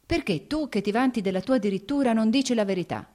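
A woman's voice: fairly high pitch, quick pace, warm tone, voice pushed up, lightly acted. A woman reading the lines of a proud, jealous young noblewoman, impassioned and accusing. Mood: bitter.

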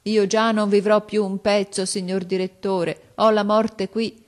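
A woman voicing a desperate, grey-haired older mother who begs and cries with high, loud, imploring speech. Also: level tone, a little slow, lightly acted. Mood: sobbing plea. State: crying.

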